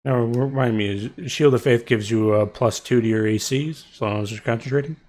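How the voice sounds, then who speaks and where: A man's voice: medium pitch, brisk, a little mellow. A man as game master, explaining rules and narrating the scene with frequent ums and restarts. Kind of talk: narrating and ruling a tabletop game.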